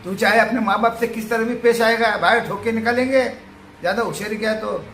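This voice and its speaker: Male commentator, high-pitched voice, emphatic moralizing storyteller, echoey room. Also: fairly even intonation, fairly quick, a bit bright, a little hiss or hum. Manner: emphatic, preachy, storytelling with acted quotes. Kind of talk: casual moralizing monologue.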